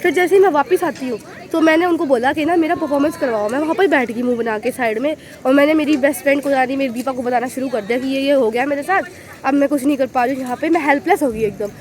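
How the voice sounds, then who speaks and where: High-voiced, animated young woman vlogger. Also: quick pace. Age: young adult. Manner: animated, exclaiming storyteller. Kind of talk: casual storytelling vlog. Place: outdoors at night at a camp.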